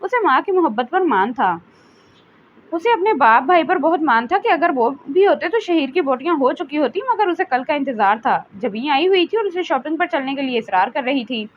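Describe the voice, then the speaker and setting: High-voiced woman reading a novel aloud. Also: animated, normal speed. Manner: reads every character's lines in her own voice, with small slips and restarts. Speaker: narrator. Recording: slightly dull lo-fi recording with faint noise.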